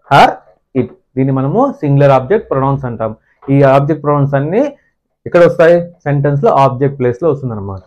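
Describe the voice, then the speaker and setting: A man with a Telugu accent gives a grammar lesson at a mid-range pitch, stretching out each English definition before speeding through his explanations. He keeps asking the listener questions like a classroom teacher. The recording sounds a little muffled and lo-fi. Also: a little mellow.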